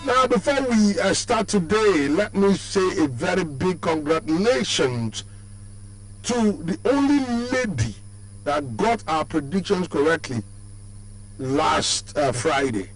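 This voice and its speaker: A man with a Nigerian accent and a baritone voice, hosting a sports show on radio in a lively, sing-song way, with many fillers and restarts. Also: slow pace, faint music behind, low-quality recording. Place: radio studio. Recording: radio stream with faint hum.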